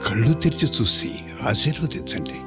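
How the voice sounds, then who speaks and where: A man in a dubbed film playing a kindly elder who gently comforts and coaxes a frightened girl. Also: on the low side, sing-song, moderate pace, over music.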